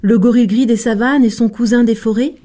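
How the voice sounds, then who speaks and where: A woman storyteller narrating a tale in an expressive, measured way. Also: fairly high pitch. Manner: expressive, measured, slowing for emphasis.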